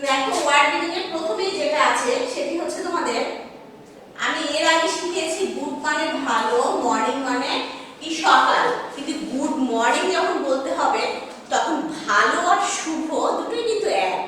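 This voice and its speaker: A woman with a high, bright voice teaches young children English words, spelling them slowly letter by letter and asking questions she answers herself. She sounds far from the mic in a roomy, echoing classroom with faint background noise. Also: expressive. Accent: Bangladeshi Bengali. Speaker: primary school English teacher. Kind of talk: online class lesson at a whiteboard. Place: classroom with a whiteboard. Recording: echoey room, mic far off.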